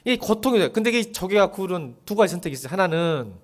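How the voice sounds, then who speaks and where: Lively-voiced male pastor preaching. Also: sits high, fast talker. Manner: rhetorical questions to the congregation, swings between soft and loud. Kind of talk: sermon.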